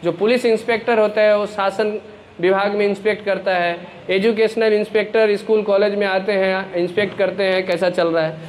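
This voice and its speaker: High-voiced man telling a lively sermon. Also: fairly quick, a little hiss or hum. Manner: animated, asks audience questions, acts out story characters. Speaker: preacher. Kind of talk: sermon with storytelling.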